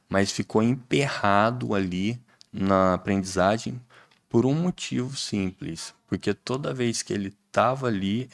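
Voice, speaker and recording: A middle-aged man with a Brazilian Portuguese accent, an English teacher guest explaining things in a lively, demonstrative way, often saying "né". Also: medium pitch, creaky. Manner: lively, demonstrative, repeats "né", acts out pronunciations. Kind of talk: casual explanatory interview talk.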